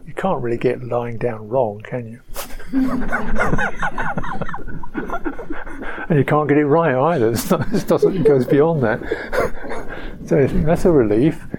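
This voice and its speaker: A man giving a slow, reflective dharma talk as a meditation teacher on a retreat, pausing often. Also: medium pitch, huge pitch swings, background noise. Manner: slow, reflective, soft-spoken with pauses. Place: retreat centre hall.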